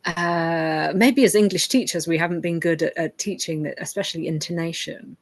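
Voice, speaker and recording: A woman's voice: lowish voice, fairly even intonation, moderate pace, no room sound. A woman hosting a casual interview, asking questions in a hesitant way. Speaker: interview host, English teacher.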